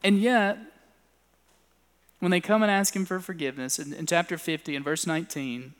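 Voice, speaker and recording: High-voiced man preaching in a reverberant hall. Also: steady tone, moderate pace, smooth. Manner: storytelling preacher who swings between loud and hushed delivery. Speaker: pastor. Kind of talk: sermon.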